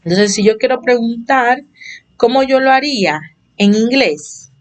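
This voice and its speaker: A woman's voice: fairly high pitch, lively intonation, a little slow. A woman teaching a basic English lesson in Spanish, patiently explaining and repeating examples for her students. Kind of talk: slow explanatory online lesson.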